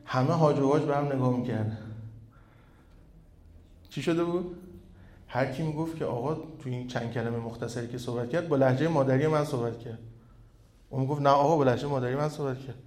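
A male preacher giving a sermon through a microphone, building to loud, fervent peaks and then dropping to a quiet storytelling tone. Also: mid-range voice, long pauses. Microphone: microphone with echo effect. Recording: echoey hall sound.

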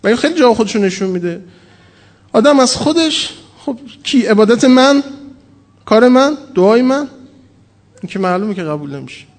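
A man's voice: very high-pitched, pauses often. A man preaching a sermon from a pulpit, telling stories with humor and acting out quoted dialogue. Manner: animated, humorous storytelling, acts out quoted dialogue. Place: mosque or religious hall at a pulpit.

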